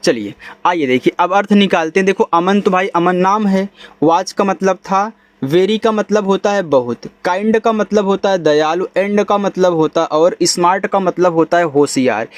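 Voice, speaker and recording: High-voiced male teacher. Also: no echo. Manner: spells letters slowly, then repeats the word. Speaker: English teacher. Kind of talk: spelling-out phonics lesson.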